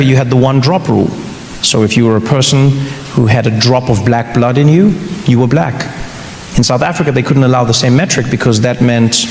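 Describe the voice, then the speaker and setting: A man explaining history in a measured, lecturing way. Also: mid-range voice, reverberant, long reverb tail, a little hiss or hum.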